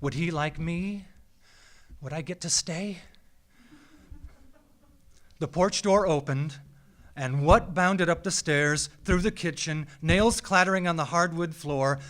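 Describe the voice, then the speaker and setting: At a live event in a small theatre, an American writer from a small Minnesota town reads a scripted personal essay on stage. His delivery is measured and theatrical, with deliberate dramatic pauses. His pitch is fairly high and his tone fairly bright.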